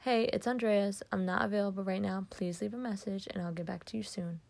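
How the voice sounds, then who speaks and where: A woman voicing a young male boyfriend in a story, speaking softly and tenderly in her own voice. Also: medium pitch, steady tone, a little fast, creaky, lightly acted. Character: young man, affectionate boyfriend.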